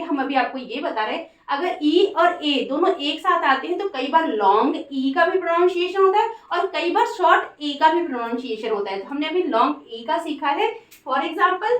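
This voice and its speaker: High-voiced woman teaching phonics, echoey. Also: distant mic. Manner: spells words letter by letter, repeats "ठीक है". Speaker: English teacher. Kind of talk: Hindi-language English phonics lesson.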